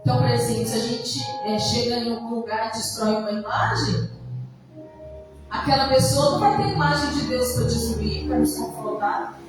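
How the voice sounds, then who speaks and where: High-voiced Brazilian woman pastor preaching. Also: normal speed. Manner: conversational storytelling preaching. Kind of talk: sermon. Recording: very echoey church hall from far off with faint music.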